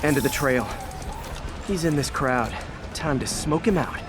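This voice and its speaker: A man's voice: medium pitch, measured pace, over music, lightly acted. An actor playing a quippy young male superhero who thinks aloud in a video game, with an American accent and a chatty, earnest, wry manner. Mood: urgent. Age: young adult. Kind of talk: video game voice acting, self-narrating.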